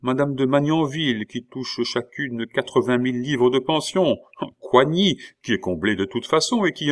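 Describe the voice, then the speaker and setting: A man's voice: medium pitch, lightly acted. Man voicing a dry, humming old-style king. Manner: drawling, grunts and hums before lines. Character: King Louis XVI, calm, dry, ironic middle-aged man. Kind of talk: audiobook character reading.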